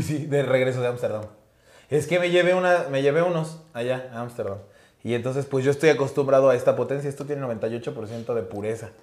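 A young man with a Mexican accent, a guest telling casual anecdotes in a relaxed way. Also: mid-range voice, roomy sound. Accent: Mexican Spanish. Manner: relaxed storyteller, acts out quoted lines.

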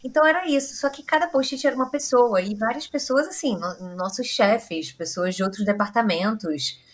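A woman's voice: fairly high pitch, moderate pace. A woman with a Brazilian Portuguese accent hosting a podcast, chatty and rambling in casual conversation. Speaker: podcast host.

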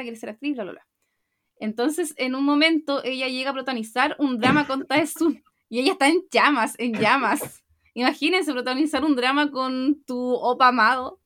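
A young Chilean woman chatting casually as a podcast co-host, retelling scenes with lively acted-out quotes. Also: sits high. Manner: animated storytelling, acting out quotes. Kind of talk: casual chat.

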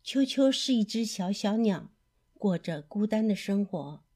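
A woman reading children's picture books aloud in a slow, expressive storybook manner. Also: mid-range voice.

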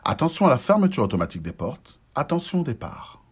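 A performer voicing a train station announcer calling a departure over a station PA loudspeaker, in a formal public-announcement style. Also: mid-range voice, very animated, fast, breathy edge.

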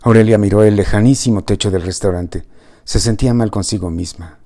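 A male narrator reads an audiobook with wry, even pacing. His voice is fairly low and dark, with a relaxed, mellow warmth. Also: fairly quick.

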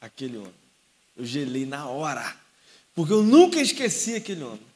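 A man's voice: fairly high pitch, huge pitch swings, normal speed, darkish tone. A young male youth pastor with a Rio de Janeiro accent, telling a personal story in a sermon and acting out the dialogue. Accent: Rio de Janeiro Portuguese.

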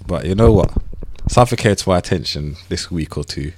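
A man's voice: deep voice, animated, a little fast, a little mellow, dry recording, poor audio. A man in his thirties with a London roadman accent, chatting playfully in slang as a podcast co-host. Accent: London, urban roadman slang style. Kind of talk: casual banter chat.

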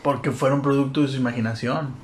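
A man's voice: mid-range voice, fairly even intonation, fast. A young man with a Mexican Spanish accent co-hosting a casual podcast, laughing often and retelling scenes with lots of slang. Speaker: podcast co-host. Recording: roomy room with faint background noise.

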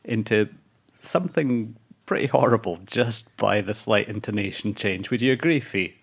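A man's voice: fairly low pitch, normal speed, creaky, breathy edge. A middle-aged Scottish man co-hosting a radio show, joking dryly in casual chat. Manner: wry, joking. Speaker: radio co-host.

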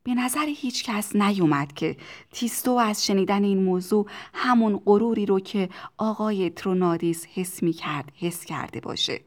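A woman narrating a children's book in a calm and steady way. She reads at an even pace with a medium-pitched voice, telling the story plainly. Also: hardly any pauses. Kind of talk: audiobook narration.

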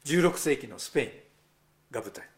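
A man's voice: mid-range voice, expressive, brisk. Man preaching in a chatty way. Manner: conversational, with rhetorical asides to the congregation. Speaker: pastor. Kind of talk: sermon.

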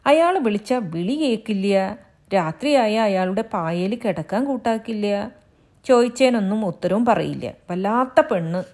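A woman voicing a sharp-tongued female servant who scolds loudly in a high voice. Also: expressive, moderate pace. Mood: scolding.

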